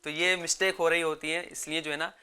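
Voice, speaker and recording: Bright, clear-voiced male Quran teacher. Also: a little high, level tone. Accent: Pakistani Urdu. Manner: slow drawn-out recitation, then quick explaining, calls on children to repeat. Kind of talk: children's Quran lesson.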